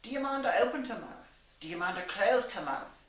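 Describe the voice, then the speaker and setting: A young woman with a mid-range voice and lively intonation reads a story aloud at a normal speed, putting on a theatrical, arch, mock-genteel manner. The echoey small indoor room and distant mic color the recording.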